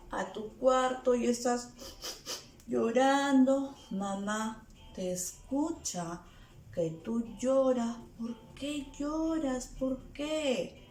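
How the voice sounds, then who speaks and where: A woman's voice: fairly high pitch, a little mellow. A woman teaching a lesson to small children, asking them questions and playfully acting out sounds. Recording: echoey room with faint music.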